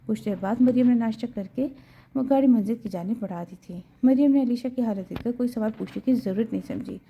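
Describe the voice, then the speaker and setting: A woman reading a romance novel aloud in an even, steady storytelling manner. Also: on the high side, creaky, breathy edge, lo-fi sound. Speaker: audiobook narrator.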